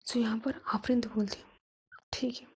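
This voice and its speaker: A woman telling a love story in a soft whisper, narrating each move as whispered storytelling. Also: fairly high pitch, little pitch movement, normal speed, husky.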